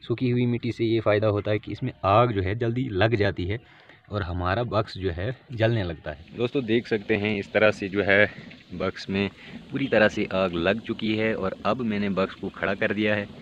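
A man's voice: fairly low pitch, fairly even intonation, normal speed. A man with a Jammu and Kashmir Hindi accent giving a step-by-step outdoor how-to demonstration, talking into a handheld phone camera. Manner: explains step by step, addressing friends. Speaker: beekeeping channel host. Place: outdoors on bare ground. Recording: dull lo-fi phone audio, faint outdoor noise.

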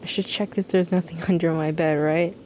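Female horror game streamer, scared and nervous, mellow delivery, slightly noisy background. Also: fairly low pitch, fairly even intonation, fairly quick. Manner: scared, nervous asides to chat. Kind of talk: live horror game playthrough, reading dialogue aloud.

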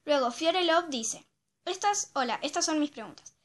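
A female channel host, chatting casually and reacting in a lively, giggly way as she reads out viewer dares, recorded on a phone. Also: high voice, moderate pace.

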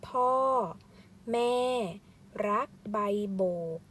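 A woman's voice: very slow, fairly bright tone, slight background noise. A woman teacher leading a first-grade reading lesson, reading word by word and spelling out each syllable. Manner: reads syllable by syllable, spelling out sounds. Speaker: primary school teacher.

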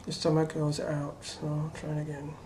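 A young adult woman talking casually to camera during voice practice, halting and muttering as she thinks aloud in a bedroom. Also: sits low, completely flat delivery, warm tone. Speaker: voice trainee doing breathing exercises. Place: small cluttered bedroom, indoors. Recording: faint room noise.

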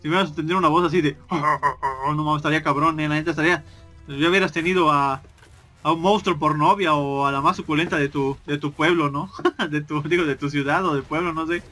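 Bright foul-mouthed gamer. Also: male voice, on the high side, fairly even intonation, fairly quick, faint music behind. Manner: crude, joking, swears constantly. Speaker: gameplay commentator. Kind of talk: casual gameplay commentary.

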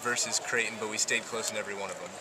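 A man's voice: lowish voice, rapid-fire. A man interviews a coach for student radio after a volleyball match, reading out statistics in formal questions. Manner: flat, stat-laden scripted questions. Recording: distant mic with loud background noise.

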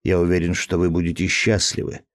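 A man's voice: deep voice, completely flat delivery, fairly quick, no room sound, lightly acted. A man voicing an eager male suitor in an audiobook, rapturous and pleading, given to angry outbursts. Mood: ardent. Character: eager male suitor, ardent and hot-tempered.

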